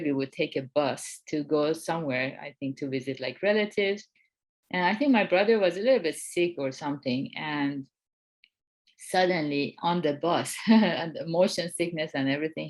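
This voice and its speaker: A woman in her forties co-hosting a Buddhist webinar, telling stories with frequent light laughs. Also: low-pitched. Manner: warm storytelling with frequent laughs. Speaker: co-host of a Buddhist talk. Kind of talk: dharma talk webinar.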